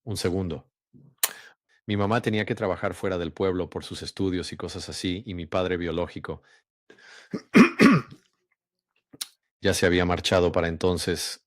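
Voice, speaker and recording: A man hosting a religious channel, speaking in an unhurried, measured monologue with frequent hums and pauses, then reading a story aloud. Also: low-pitched, no room sound, clean studio sound.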